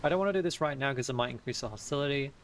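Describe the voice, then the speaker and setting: A man's voice: medium pitch, racing, fairly bright tone, a little hiss or hum. A man streaming a strategy game, talking casually to himself, correcting himself and musing over choices. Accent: Australian. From Australia. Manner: thinking aloud, self-correcting. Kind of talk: casual gameplay commentary. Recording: music playing under voice.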